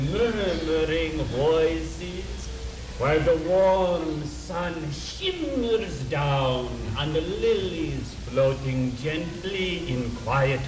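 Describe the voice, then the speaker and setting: Mystical high-voiced fortune-teller magician. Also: male voice. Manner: mystical fortune-teller manner, courtly, formal phrasing. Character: mysterious, suave male stage magician and hypnotist. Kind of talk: theatrical period drama acting. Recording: noisy, roomy, distant film soundtrack.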